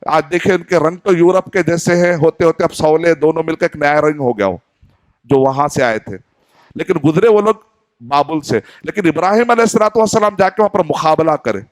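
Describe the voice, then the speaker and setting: A middle-aged preacher from Hyderabad, India, teaching in an earnest way, asking questions and playing out little exchanges. His voice sits a bit high for a man. It is close-miked and very dry, with no room sound. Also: no echo. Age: 40s. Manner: earnest teaching tone, poses questions and acts out dialogue. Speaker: Islamic preacher. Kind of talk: sermon.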